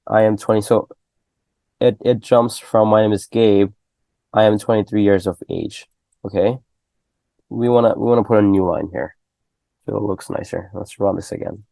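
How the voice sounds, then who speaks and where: Young guy tutoring code, low gravelly voice, dry close mic, keeps asking "right?". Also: steady tone, normal speed, long pauses, warm tone, dry recording. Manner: loose and conversational, full of "okay?" and "right?" checks. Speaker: programming tutor. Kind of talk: casual screen-recorded coding lesson.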